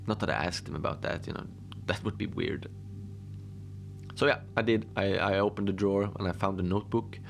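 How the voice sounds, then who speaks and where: This low-pitched, creaky male voice belongs to a deadpan lone adventurer in a cozy horror audio drama, recounting odd tales at a slow, chatty pace full of wandering, hesitant digressions. A slight hiss or hum sits in the background, and he sounds deadpan and reflective.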